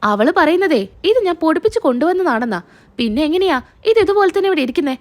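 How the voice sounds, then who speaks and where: Calm old grandma smoothing things over, read by a woman, high voice. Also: quick pace. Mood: soothing. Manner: calm, reassuring. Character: elderly grandmother, mild and soothing.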